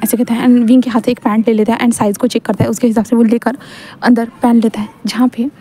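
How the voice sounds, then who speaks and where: A woman's voice: a little high, flat delivery, quick pace, mellow, a little hiss or hum. A woman casually retelling a romance story, talking in a chatty, repetitive way with many restarts. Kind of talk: casual retelling of a fan-fiction story, voicing the characters' lines.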